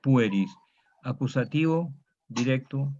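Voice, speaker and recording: Taking things slowly, a man leads a Latin grammar lesson with patience and steadiness, drilling declensions case by case and often asking "¿ah?" to make sure students follow. His pitch is middling, and the recording sounds dull and lo-fi.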